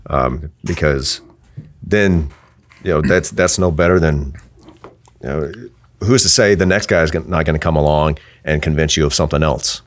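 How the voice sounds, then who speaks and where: A man in his thirties speaking earnestly as a guest on a casual podcast, at a boom mic in a small office studio. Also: normal speed. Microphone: desk podcast mic on boom arm.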